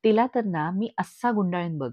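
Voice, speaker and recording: A woman's voice: medium pitch, lively intonation, moderate pace, no room sound, natural voice. A woman voicing an ambitious, frustrated middle-aged uncle who pleads and boasts. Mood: pleading. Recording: dull lo-fi recording.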